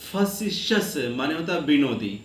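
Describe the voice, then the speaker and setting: A man's voice: on the high side, very animated, measured pace. Man spelling words out for students. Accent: Uttar Pradesh Hindi. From India. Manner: addresses students warmly as children. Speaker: lecturer. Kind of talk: classroom grammar lesson. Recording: echoey room with faint background noise.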